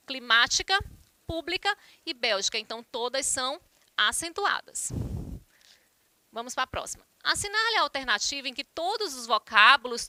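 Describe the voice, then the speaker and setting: A woman's voice: high voice, sharp tone, no room sound. A woman with a Brazilian Portuguese accent teaching an online grammar lesson, talking straight to her class and reading out the answer choices one by one. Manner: addresses the class directly, reads options aloud.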